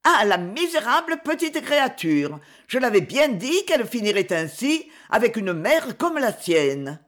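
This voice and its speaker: A woman voicing a spiteful, excitable lady in a novel audiobook. She speaks higher than the narration and swings widely in pitch, piling up shrill, indignant exclamations. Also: unhurried, exaggerated voice.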